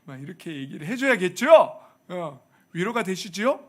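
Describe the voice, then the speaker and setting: A male pastor preaching a lively, humorous sermon, acting out bits of everyday speech for the congregation. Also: sits high, normal speed. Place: church sanctuary.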